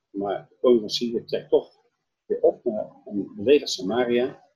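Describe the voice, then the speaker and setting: A man preaching, retelling a Bible story with animated storytelling and acted-out dialogue. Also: mid-range voice, husky, dull audio. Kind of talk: Bible teaching, retelling scripture.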